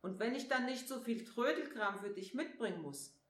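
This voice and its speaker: A woman's voice: fairly high pitch, lively intonation, normal speed, lightly acted. Woman putting on a grumbling old Saint Nicholas. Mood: friendly. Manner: grumbling, gently scolding. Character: stern but kindly old male Saint Nicholas. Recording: echoey room.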